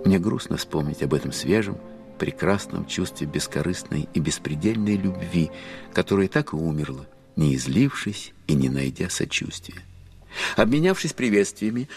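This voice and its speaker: An actor playing a grown man wistfully recalling his boyhood, in reflective, measured literary narration. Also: deep voice.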